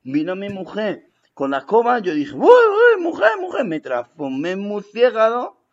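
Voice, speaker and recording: A boastful ancient vampire rambles through his tale, as a man puts him on, his voice pitched on the high side and leaping wildly up and down. He giggles between thoughts and breaks into squeaky mock shouts. It is an improvised comedy sketch. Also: animated, moderate pace, dull audio. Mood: rambling. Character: boastful old male Spanish vampire, cheeky and rambling. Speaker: comic guest in character.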